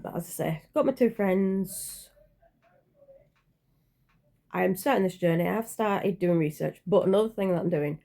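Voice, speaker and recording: A woman in her forties talks to her camera in a loose, unhurried vlog chat. Her voice is soft and mellow, and she rambles, pausing on fillers and correcting herself as she goes. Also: mid-range voice. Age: 40s. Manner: rambling, hesitant, with many fillers and self-corrections. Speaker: channel creator.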